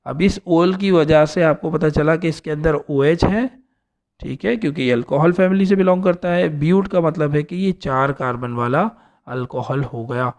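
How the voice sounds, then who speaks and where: Guy giving a chemistry lecture, kinda high-pitched, keeps checking students follow along. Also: normal speed, darkish tone. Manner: explains step by step, often says "ठीक है". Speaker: chemistry teacher. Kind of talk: classroom lecture.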